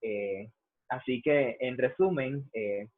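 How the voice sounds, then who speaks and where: A man from Puerto Rico with a Puerto Rican accent, a Buddhist reverend calmly explaining his tradition with many "eh" fillers. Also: mid-range voice. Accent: Puerto Rican Spanish. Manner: measured, frequent "eh" fillers. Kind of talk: explanatory interview answers. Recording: tinny phone-like line.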